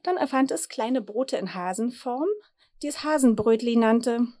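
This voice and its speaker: A woman's voice: on the high side, unhurried, a little mellow, no echo, clean studio sound. A woman reading her children's story aloud, with chatty asides to the audience. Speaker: author reading her book.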